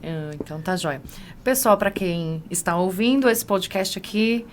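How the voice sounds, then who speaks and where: A woman with a Brazilian Portuguese accent co-hosts a casual podcast, warmly introducing her guest. Her voice sits at an ordinary middle pitch, with a faint hiss of noise behind it. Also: animated, moderate pace. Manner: polite, welcoming. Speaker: podcast co-host.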